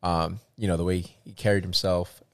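A very deep-voiced man rambles through an animated, casual chat at normal speed, stumbling into restarts and fillers again and again. It's recorded dry and up close, without any room ambience.

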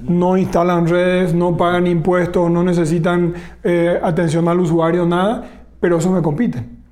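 A man's voice: high voice, little pitch movement, normal speed, darkish tone. A man, a telecom executive in a business interview, laying out his points one by one. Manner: explains point by point, enumerating pillars.

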